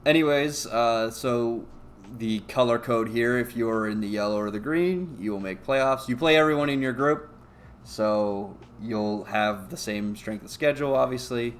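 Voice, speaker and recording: A man's voice: mid-range voice, a little slow, a little hiss or hum. A man co-hosting a gaming league recap, teasing his partner in a laid-back way. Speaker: league co-host. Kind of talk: casual recap commentary.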